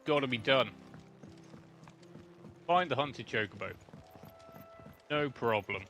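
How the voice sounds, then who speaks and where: Slow-talking laid-back male game streamer. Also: mid-range voice, lively intonation, a bit bright, soft background music. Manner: laid-back, joking, chatty. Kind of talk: live gameplay commentary.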